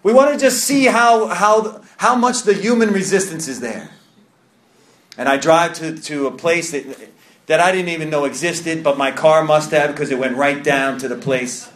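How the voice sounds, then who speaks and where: At a recovery meeting, a man in his 30s with a New York accent speaks earnestly about his own experience, frequently repeating and restarting. His voice is a little high and fairly bright, at a moderate pace, in a roomy-sounding meeting room.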